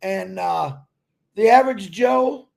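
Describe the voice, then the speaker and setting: A man giving a loud, emphatic motivational talk to company members, telling folksy stories and repeating himself. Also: sits high, slow pace, creaky. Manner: loud and emphatic, calls himself a big mouth; repetitive, folksy storytelling. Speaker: company promoter speaking to members.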